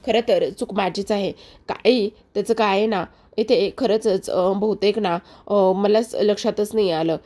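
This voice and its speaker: A woman's voice: mid-range voice, a little slow, warm tone, close to an everyday voice. A woman voicing a meek young wife who speaks hesitantly and keeps apologizing.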